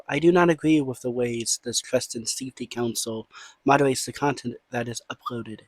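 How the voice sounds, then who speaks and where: A man delivering scripted commentary in a measured, formal way, as an online content creator. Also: medium pitch, a little mellow, no room sound, low-quality recording. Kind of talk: scripted commentary, reading and responding to statements.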